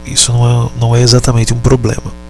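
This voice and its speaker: A man teaching a lesson, speaking deliberately, pausing often and correcting himself. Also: mid-range voice, monotone, gravelly, slight background noise. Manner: deliberate, halting, repeats and self-corrects. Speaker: Latin teacher. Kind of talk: slow explanatory lesson.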